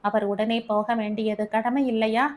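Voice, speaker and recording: A woman reading an audiobook story, voicing a gentle, patient young wife who speaks softly and calmly to her husband. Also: a little high, measured pace, natural voice. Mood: gentle, pleading. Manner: soft, calm and pleading.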